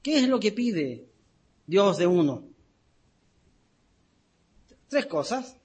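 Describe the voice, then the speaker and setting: A man preaching a sermon, reading scripture aloud and explaining words slowly and deliberately, repeating key terms for emphasis. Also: sits high, sing-song, a little mellow, slightly rough.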